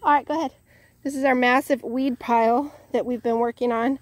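A woman's voice: sits high, steady tone, a little fast. A woman from Northwest Illinois giving a casual, cheerful tour of her vegetable garden outdoors, a little out of breath and talking while walking. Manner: cheerful, thankful, chatty with many restarts. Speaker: home gardener vlogger.

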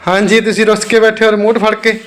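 Narrating his family's day for a vlog, a young father speaks fast in a high, flat, fairly bright voice. He dotes on his children, coaxing them and frequently checking that they agree.

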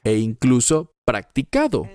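A man voices a dubbed Bible teacher in his fifties, earnestly preaching a verse-by-verse sermon. His phrasing is deliberate and emphatic, his pitch medium with huge swings, and his tone a little mellow.

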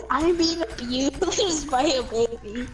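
A friend chatting casually and playfully complaining, laughing often. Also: female voice, high-pitched, takes it slowly, distant mic, a little hiss or hum.

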